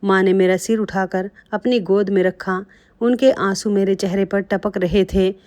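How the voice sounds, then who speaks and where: A woman narrates a dramatic first-person story in an emotional storytelling manner. She speaks directly to her listeners, at an everyday medium pitch. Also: steady tone, a little slow, a little mellow. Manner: emotional, addresses listeners as friends.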